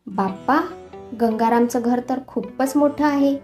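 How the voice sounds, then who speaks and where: A small, daring mouse taunts his enemy in a cartoon storybook, as a woman narrator puts him on. The voice is high, soft-toned and playful. Faint music sits in the background. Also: a little slow, close to an everyday voice. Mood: taunting. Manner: mocking, teasing. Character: small brave cheeky male mouse.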